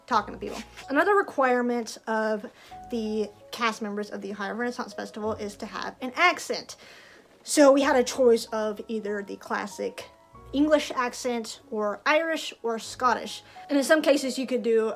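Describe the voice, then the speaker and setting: A young woman talking casually in a vlog, chatty and full of fillers, her voice a bit tired. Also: on the high side. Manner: chatty, lots of "like", frequent laughs. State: voice tired from projecting. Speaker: festival cast member vlogger.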